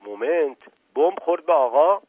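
A witty middle-aged aristocrat teases and barks orders, as a male narrator plays him. The voice is husky and mid-pitched. It sounds dry and phone-thin. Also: expressive, dry recording. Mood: teasing, urgent. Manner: teasing, commanding. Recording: narrow phone-like band, dry.

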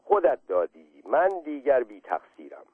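A man's voice: medium pitch, big pitch swings, husky, no echo. A man reading aloud and voicing Jafar, a fussy, lecturing male creature who whines and scolds, over a thin, phone-like line. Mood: shrill. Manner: pedantic, lecturing and whining. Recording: tinny phone-like line, dry.

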